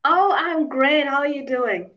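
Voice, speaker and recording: A woman's voice: high-pitched, lively intonation, measured pace. A woman from Zimbabwe, a guest in a casual remote interview, telling her story in a reflective, chatty way with many fillers. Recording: distant, dull lo-fi remote call audio.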